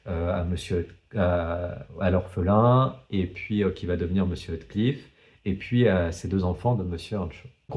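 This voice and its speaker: Slow, hesitant man with a dark voice. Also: fairly low pitch. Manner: hesitant, many fillers and restarts; self-deprecating humor. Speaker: book vlogger. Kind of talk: casual book review vlog.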